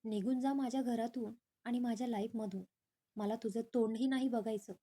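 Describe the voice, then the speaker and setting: A woman's voice: a little high, steady tone, moderate pace, warm tone, natural voice. A woman voicing an angry young man who feels betrayed by his lover. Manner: angry, harsh.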